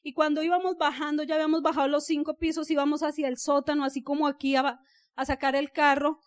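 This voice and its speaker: A woman with a Colombian accent giving a motivational business seminar talk, telling an animated personal story and asking the audience to agree with her. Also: sits high, fast.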